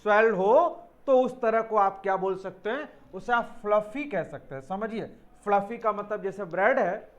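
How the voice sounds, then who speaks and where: Speaking in a high voice at a moderate pace, a man prepares students for an exam with an English spelling lesson, breaking down each word step by step and spelling it out letter by letter. He calls his students children, and the audio has its highs cut off.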